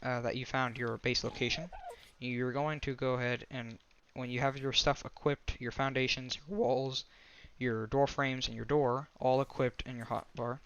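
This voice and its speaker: A man's voice: mid-range voice, steady tone, moderate pace, a bit bright, smooth, muffled recording. A man giving a casual voice-over game tutorial, rambling and often restarting or correcting himself. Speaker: gaming tutorial creator.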